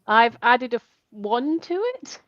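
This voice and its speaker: A woman's voice: fairly high pitch, a little slow, dull audio. A woman playing in a live tabletop game, speaking matter-of-factly. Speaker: player. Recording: loud noise and clicks on the line.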